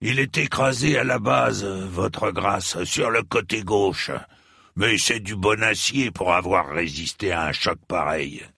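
Un homme faisant un écuyer terre à terre. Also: male voice, on the low side, slow, gravelly, sharp tone, husky, no room sound, studio quality, full character voice. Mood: matter-of-fact. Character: practical squire, man, plain-spoken helper.

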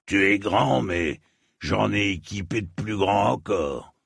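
Man narrator as blunt proud armorer, gravelly, low and slow, storybook voice. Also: fairly bright tone, no echo, clean studio sound, exaggerated voice. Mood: gruff. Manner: gruff, blunt, matter-of-fact. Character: stocky proud bearded male armorer, blunt.

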